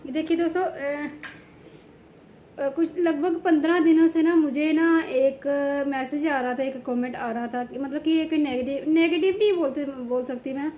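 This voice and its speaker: High-voiced, chatty woman vlogger. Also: warm tone, slight background noise. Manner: chatty and rambling, ending points with "theek hai". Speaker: home vlogger and mother. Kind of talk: casual vlog chat to viewers. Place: at home.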